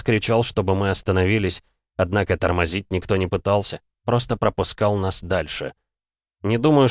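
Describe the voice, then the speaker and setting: A man narrating a novel chapter in first person, with a measured, steady reading on a close mic. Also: low-pitched, dry recording. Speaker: audiobook narrator.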